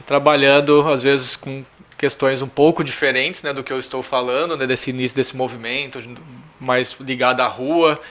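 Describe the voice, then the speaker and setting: A man's voice: medium pitch, pushed and bright. A man, from Minas Gerais, answering interview questions in an easygoing way, with frequent fillers. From Minas Gerais, Brazil. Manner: many fillers like "né" and "é", easygoing storytelling. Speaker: guest, cultural entrepreneur.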